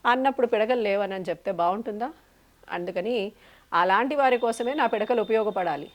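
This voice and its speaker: A woman spiritual speaker telling a devotional story, animated and full of rhetorical questions. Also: mid-range voice, a little fast.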